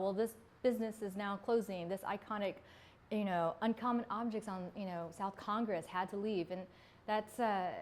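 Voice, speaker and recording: Woman in her forties, born in Vietnam, earnest conversational candidate, mid-pitched voice. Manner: earnest, conversational, with frequent ums. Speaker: city council candidate. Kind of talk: candidate interview.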